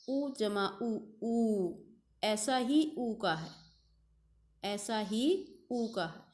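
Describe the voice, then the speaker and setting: A woman's voice: a little high, animated, drawn-out words, darkish tone. A woman teacher giving a recorded grammar lesson, drawing out examples and repeating key terms.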